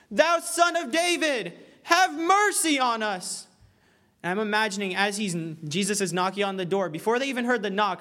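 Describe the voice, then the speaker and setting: Young male preacher, high voice, earnest and chatty, swells into loud pleas. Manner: earnest, conversational, builds to loud pleading cries. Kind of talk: sermon.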